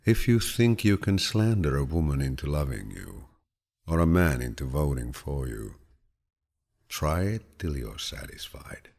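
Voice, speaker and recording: A male audiobook narrator reads a book of quotations slowly in a scripted delivery. His voice is deep, low and husky, and his manner calm, soothing and grandfatherly.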